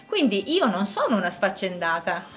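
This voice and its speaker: A woman speaking in a clear, measured way in a scripted dialogue for language learners. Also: medium pitch, expressive, fairly bright tone, faint music behind. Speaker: dialogue partner in a language lesson.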